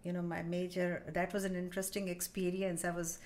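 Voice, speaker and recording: A woman's voice: on the low side, flat delivery, fairly quick, a little mellow. A middle-aged woman with a Pakistani accent, telling stories in casual conversation as a guest.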